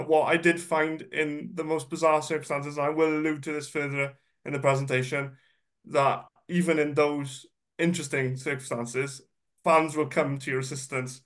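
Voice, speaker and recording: He's a man in his 30s with a voice that runs a little high and a fairly bright tone. Speaking as a guest, he gives a chatty personal presentation that pokes fun at himself, his cold making him congested and somewhat nasal as he ums and uhs often.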